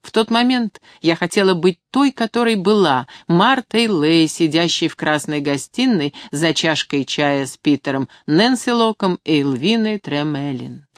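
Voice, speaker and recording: Woman audiobook reader, calm first-person narration, dry close mic. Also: deep voice, measured pace, hardly any pauses, no echo. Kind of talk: scripted narration.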